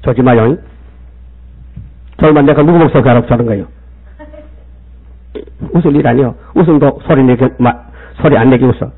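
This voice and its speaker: Gravelly pastor scolding his flock. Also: mid-range voice, normal speed, long pauses. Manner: scolding, rhetorical questions to the congregation. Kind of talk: sermon. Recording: tinny phone-like sound.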